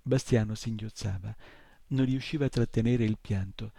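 A man narrating an audiobook in a steady, measured storytelling manner. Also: lowish voice, vocal fry, no echo. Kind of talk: audiobook reading.

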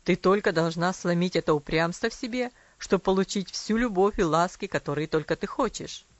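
A woman reading an audiobook, voicing a stern, strict middle-aged father in a lowered, insistent voice. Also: brisk, no echo, close to an everyday voice. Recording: dry, slightly dull recording.

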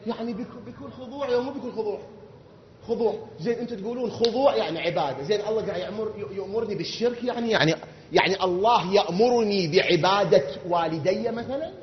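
A man with an Iraqi Arabic accent preaching a sermon, animated and full of rhetorical questions, swinging from loud outbursts to quiet asides. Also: high voice, very fast, reverberant, big-room sound, highs cut off, slight background noise. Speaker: religious preacher.

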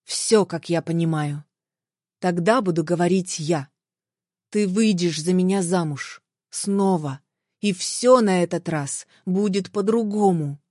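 A woman's voice: fairly low pitch, a little slow, warm tone, no echo, studio quality, pitched below the performer's own voice. A woman voicing a remorseful adult man who pleads bluntly and insistently with his former partner in an audiobook. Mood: firm.

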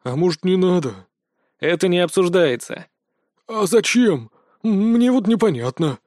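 A man's voice: high-pitched, expressive, measured pace, a little mellow, no room sound, clean studio sound. A man reading an audiobook, voicing a grumpy, reluctant ancient male god in a sulky, grudging tone.

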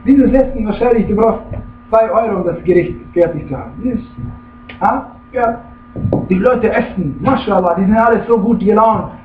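A man's voice: high voice, normal speed, distant mic, slight background noise. Man, preacher, emphatic lecture, frequent questions to listeners, echoey room, tinny phone-like sound. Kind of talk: religious lecture.

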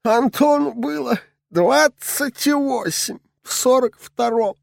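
A frail elderly woman speaks in a thin, cracked, quavering voice, slow and gravelly with old-fashioned politeness, as a male audiobook reader puts her on. Her speech is plaintive and timid, recorded close and dry. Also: very high-pitched, no echo, pitched above the performer's own voice, exaggerated voice. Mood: wistful. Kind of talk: audiobook character voice.

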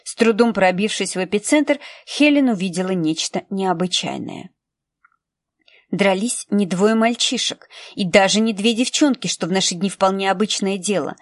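A woman narrating a novel in a measured storytelling manner, recorded close to a studio mic. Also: mid-range voice, no echo. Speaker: audiobook narrator. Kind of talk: scripted narration.

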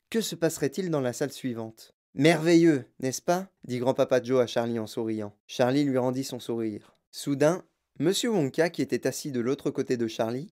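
A man reading a children's storybook aloud in a calm, even narration. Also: medium pitch.

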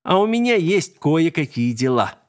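A man's voice: fairly high pitch, big pitch swings, moderate pace, voice pushed up. A man voicing a frantic, emotional young mother in an audiobook, his voice raised and agitated. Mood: determined.

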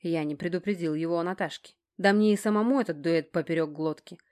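A woman narrating a first-person novel in a measured storytelling manner. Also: fairly low pitch, a little mellow. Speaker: audiobook reader.

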